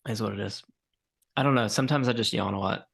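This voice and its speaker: A man in his forties, tired and yawning, chats casually on a podcast. His voice sits low with a gravelly fry, and he rambles through his story with plenty of fillers. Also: fast talker, fairly bright tone. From Colorado, USA. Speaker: podcast co-host. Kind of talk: casual chat.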